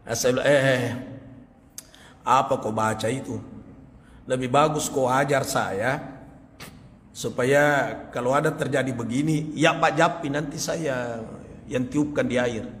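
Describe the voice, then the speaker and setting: A man's voice: mid-range voice, measured pace, long pauses. A male preacher telling a story in a sermon, acting out the quoted dialogue. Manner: animated, acts out quoted dialogue with laughter. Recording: reverberant hall, faint ambience.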